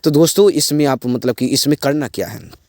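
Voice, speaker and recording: A man's voice: on the high side, brisk, a little mellow, no room sound, clean studio sound. A man explaining a ritual step by step to his viewers in a rambling way, repeating himself and leaning on filler phrases. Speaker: occult ritual channel host. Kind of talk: spoken ritual instructions to viewers.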